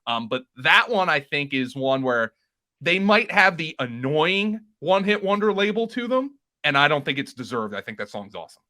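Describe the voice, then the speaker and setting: A man's voice: a little high, very animated, moderate pace, bright, forceful tone. A man co-hosting a podcast, chatting enthusiastically and rambling a little, with fillers and restarts. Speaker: podcast co-host. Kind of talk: casual chat.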